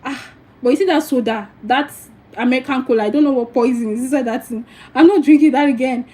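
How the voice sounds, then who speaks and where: A woman's voice: high voice, quick pace, dark tone, low-quality recording. A Nigerian woman giving frank, preachy spiritual advice in a casual livestream, with many asides to her viewers. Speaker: spiritual teacher.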